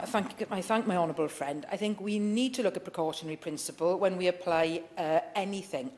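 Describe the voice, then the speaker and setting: A middle-aged woman, speaking as a member of parliament in a chamber debate, reading prepared remarks firmly and earnestly. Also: fairly low pitch. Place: large wood-panelled debating chamber.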